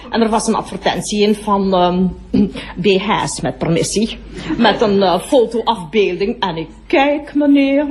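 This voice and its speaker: A woman with a medium-pitched, darkish voice performs a comic monologue as a prim, talkative cloakroom attendant who gossips about her daughter. She keeps breaking off her chatty storytelling to address passing guests, and the audience laughs. There's slight background noise.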